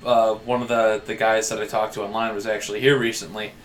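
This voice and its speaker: A man's voice: lowish voice, level tone, quick pace, slight background noise. A man co-hosting a podcast, talking in a rambling, sardonic way during casual chat. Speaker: podcast co-host.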